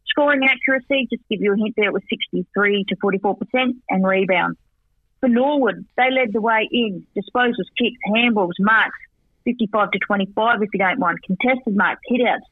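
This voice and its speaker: Man, high voice, chatty football analyst, tinny dry phone line. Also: no echo. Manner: chatty, rattles off stats with asides. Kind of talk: radio sports recap and tips by phone.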